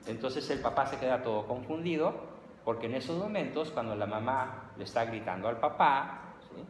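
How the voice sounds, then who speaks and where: A man with a Mexican accent giving a lively, humorous lecture, acting out everyday scenes. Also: medium pitch, normal speed. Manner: animated, humorous, acts out scenes. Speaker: lecturer on psychology. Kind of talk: lively lecture with acted examples. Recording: echoey hall, faint noise.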